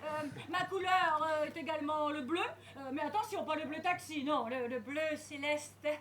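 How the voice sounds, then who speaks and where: A woman's voice: high-pitched, moderate pace, a crowd in the background, close to an everyday voice. An actress playing an anxious, devout woman who keeps checking things, talking hesitantly with stammers on a live stage. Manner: stammering, hesitant, many fillers. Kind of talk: live amateur stage acting. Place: theatre stage with audience. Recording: noisy live stage recording.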